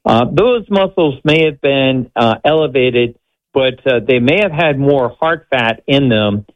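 A man speaking as a medical expert guest on a radio show, explaining conversationally in a halting, measured way. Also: mid-range voice, animated. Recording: slightly dull, band-limited audio.

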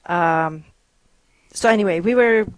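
A woman from Hungary, a guest on a radio show, telling her story earnestly with many pauses and ums. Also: on the low side, no echo. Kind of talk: interview conversation.

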